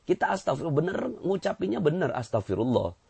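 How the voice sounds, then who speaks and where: A man teaching a casual sermon to a congregation, animated, often turning to address his listeners and sometimes dropping to a near-whispered mutter. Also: mid-range voice, fairly quick, creaky, breathy edge. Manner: animated, acts out quotes, keeps addressing listeners. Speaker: Islamic teacher.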